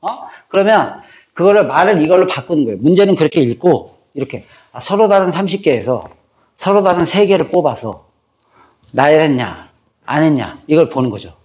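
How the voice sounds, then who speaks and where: A man's voice: fairly high pitch, lively intonation, fairly quick, darkish tone. A man teaching a math lesson, who repeats key phrases for memorizing and checks in with his students again and again. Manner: checks in with listeners, often tacking on a questioning "eo?". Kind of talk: classroom lecture on combinatorics. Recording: slightly dull, faintly noisy lecture recording.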